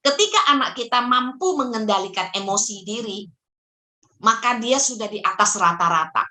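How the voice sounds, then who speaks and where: A middle-aged woman, a parenting guest who tells stories in lively casual talk and acts out voices. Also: a little high, normal speed. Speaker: podcast guest, parenting practitioner.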